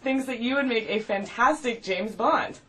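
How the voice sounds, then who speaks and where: A woman's voice: on the high side, normal speed, pushed and bright. A woman interviewer who reads out fan questions in a casual, upbeat way.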